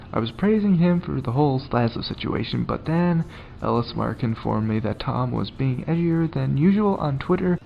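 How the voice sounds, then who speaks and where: A man's voice: mid-range voice, gravelly, lo-fi sound, a little hiss or hum. A man doing casual commentary, sarcastic and swearing often. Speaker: commentary YouTuber.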